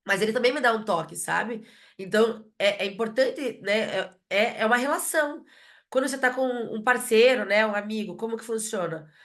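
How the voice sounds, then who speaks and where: A woman with a somewhat high-pitched voice speaks in a relaxed podcast conversation. She is a psychologist and a mother, and she reasons out loud. She circles back on her words and keeps checking in with quick tag questions. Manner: reflective, frequent tag questions and restarts.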